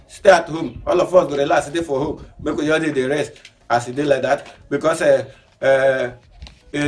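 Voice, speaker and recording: A man hosting a comic news show in Nigerian Pidgin, joking and laughing, jumping from loud bursts to low mutters. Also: distant mic.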